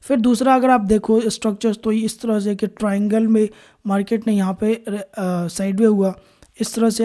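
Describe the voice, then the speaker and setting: A woman teaching a beginner trading lesson over charts, explaining step by step with frequent pauses and restarts, with terms. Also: mid-range voice, warm tone. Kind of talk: screen-recorded chart lesson.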